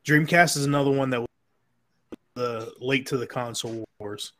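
Relaxed man sharing trivia in casual talk. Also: medium pitch, normal speed. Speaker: podcast co-host. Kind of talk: casual chat.

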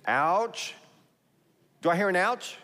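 A man's voice: medium pitch, lively intonation, moderate pace. A man with a Texas accent preaching a sermon, conversational and emphatic, reading scripture aloud between his own remarks. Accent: Texan. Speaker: pastor. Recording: long reverb in a large hall.

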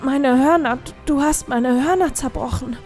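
A woman's voice: on the high side, measured pace, faint music behind, natural voice. A woman voicing a mocking, vengeful male goat demon in an audiobook, with a taunting, gloating manner. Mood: wailing.

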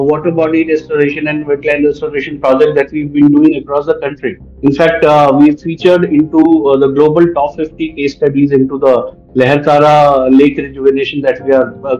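A man's voice: medium pitch, a little mellow, highs cut off. A middle-aged man with an Indian accent explaining his work earnestly as an expert on a panel.

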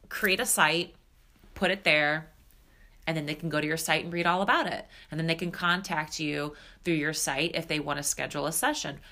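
Pushed and bright, with fairly low pitch and a slightly blocked, nasal sound, this woman in her thirties hosts a solo podcast. A spiritual coach, she chats candidly and leans on plenty of fillers.

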